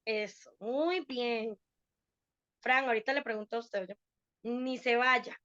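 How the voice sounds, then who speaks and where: A woman's voice: fairly high pitch, takes it slowly, fairly bright tone, no echo, muffled recording. A woman teaching an online English class to adults, patiently explaining and checking understanding.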